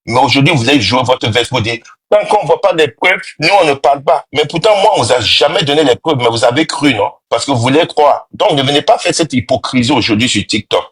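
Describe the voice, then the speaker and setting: A man's voice: medium pitch, lively intonation, brisk, hardly any pauses, fairly bright tone, slightly rough. A man on a TikTok live panel, indignant and accusatory, giving a heated rant at his critics.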